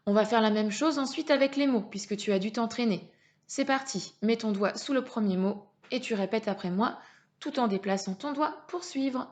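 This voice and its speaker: A woman teacher leading a reading lesson for young children, slow and patient, sounding out syllables. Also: a little high, a little mellow. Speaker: primary school teacher.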